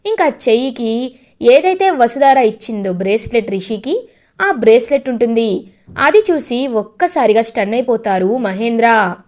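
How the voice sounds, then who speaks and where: A woman's voice: a little high, expressive, normal speed, darkish tone. A woman retelling a TV serial episode in a sympathetic storytelling manner. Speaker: TV serial recapper.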